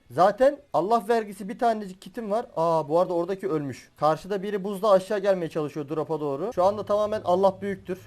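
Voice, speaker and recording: Excitable high-voiced young gamer man. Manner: excitable, swears and laughs while playing. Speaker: gaming YouTuber. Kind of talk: live gameplay commentary.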